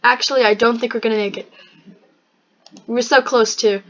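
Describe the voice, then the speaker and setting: High-voiced woman, wry game commentary. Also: fairly even intonation, fairly quick. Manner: mock-formal, wry, slips into put-on accents. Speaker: gameplay narrator. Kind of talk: gameplay commentary. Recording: dull lo-fi microphone.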